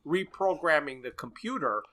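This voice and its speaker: With a crowd audible behind him, a man speaks at normal speed in a slightly high, sing-song voice. He's a podcast co-host casually recapping a radio series in depth, analyzing it and chuckling often.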